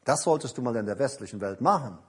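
A male preacher giving an evening sermon, swinging from loud, emphatic bursts to hushed asides and acting out quotes in different voices. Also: mid-range voice, lively intonation, fast, husky.

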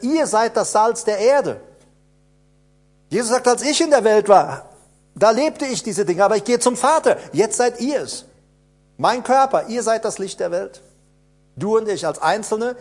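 A man delivers a sermon in a high, very animated voice that climbs and drops through wide swings. He asks his listeners rhetorical questions and repeats key phrases for emphasis. His delivery moves between hushed, close lines and sudden loud bursts. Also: breathy edge. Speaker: preacher.

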